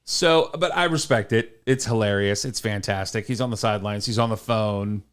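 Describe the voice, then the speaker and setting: A man's voice: on the low side, normal speed, clear, resonant tone. Rambling man chatting sports. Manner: talkative, rambling, teasing. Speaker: podcast co-host. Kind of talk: casual sports chat.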